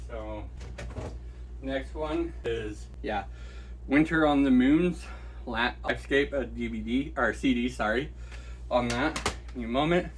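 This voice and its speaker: A man of middle pitch chats easily while he packs and ships items, thinking aloud about costs and thanking buyers. His voice is ordinary and relaxed, caught by a single mic in a small working room with a faint hum of ambience behind him. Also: unhurried, pauses often. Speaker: online reseller. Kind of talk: casual packing-and-shipping vlog.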